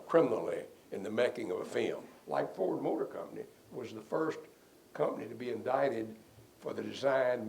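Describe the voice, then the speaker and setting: Older male lawyer, gravelly voice, folksy anecdotal interview delivery. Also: mid-range voice. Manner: rambling, relaxed storyteller who chuckles at his own stories. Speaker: defense lawyer being interviewed.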